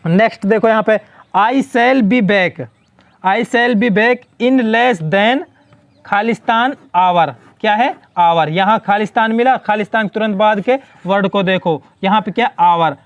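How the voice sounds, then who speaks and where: A man's voice: sits high, no room sound. A male teacher explaining English grammar in Hindi, asking a question and then answering it himself, repeating the key word.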